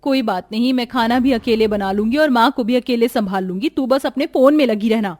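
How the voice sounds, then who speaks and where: A woman voicing a kind, patient elder sister in a storybook, earnest and gentle. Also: a little high, a little fast, no echo, close to an everyday voice. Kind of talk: storybook voice acting.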